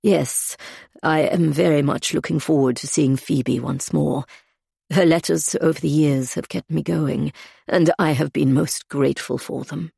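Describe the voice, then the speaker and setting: A woman voicing a quiet, formal German waiter who speaks in a very precise, polite manner. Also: on the high side, fairly even intonation, unhurried, gravelly, husky, no room sound, clean studio sound, heavily acted. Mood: polite, subdued.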